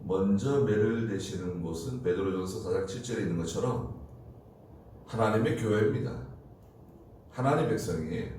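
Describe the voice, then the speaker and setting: A man preaching a slow, deliberate early-morning sermon as pastor, asking rhetorical questions. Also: on the low side, darkish tone. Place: church. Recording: roomy, distant mic with faint noise.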